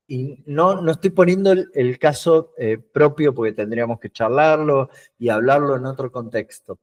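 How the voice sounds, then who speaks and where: A man's voice: medium pitch, darkish tone. A man with a Rioplatense Spanish accent, teaching an online emotional coaching class. He talks animatedly, acts out short dialogues in his examples, and often repeats words while searching for the next one. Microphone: video call.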